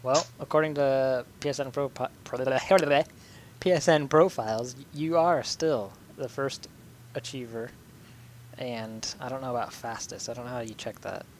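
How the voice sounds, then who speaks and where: A man's voice: mid-range voice, measured pace, a little hiss or hum. A young man hosting a casual gaming podcast, loose and joking, laughing often and trailing off with fillers. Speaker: podcast host.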